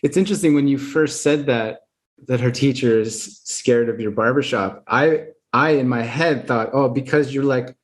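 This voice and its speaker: A man hosting an interview podcast, asking reflective, gently probing questions. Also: mid-range voice, normal speed. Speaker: podcast host. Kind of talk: conversational interview.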